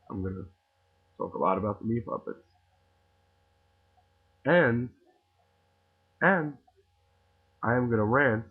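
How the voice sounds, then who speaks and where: A podcast host from New York City, with a New York accent, delivers a casual ranting monologue, opinionated and sarcastic, rambling with frequent restarts. His mid-range voice is gravelly and husky, and the audio sounds tinny and phone-like.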